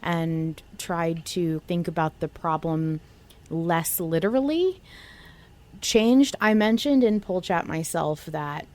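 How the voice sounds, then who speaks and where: Fairly low in pitch and darkish in tone, this woman talks slowly. She's a co-host on a fan podcast, chatting informally and with slang about an audio drama.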